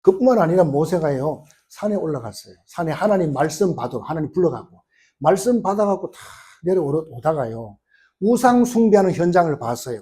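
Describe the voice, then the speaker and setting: A male pastor preaching, his voice set high and swinging widely up and down. He keeps firing rhetorical questions and retelling stories in homely, colloquial words, with a mellow, dark tone underneath. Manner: colloquial storytelling, retelling scenes. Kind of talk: sermon.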